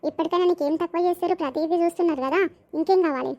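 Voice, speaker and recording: A woman's voice: extremely high pitch, very fast, a little mellow, muffled recording. A woman voicing a stern middle-aged mother, lecturing and scolding. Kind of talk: animated village comedy voicing.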